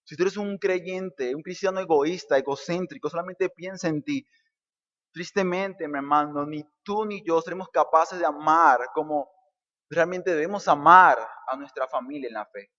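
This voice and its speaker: A man's voice: fairly high pitch, fairly bright tone, in a large hall, lo-fi sound. A male pastor preaching a fervent sermon, asking rhetorical questions and calling his listeners brother. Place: church.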